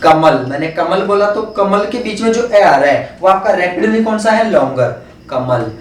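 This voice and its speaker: A man's voice: high-pitched, expressive, moderate pace, a little hiss or hum. A man teaching an exam-prep phonetics lesson with an Indian English accent, explaining step by step and answering his own questions. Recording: echoey room, mic far off.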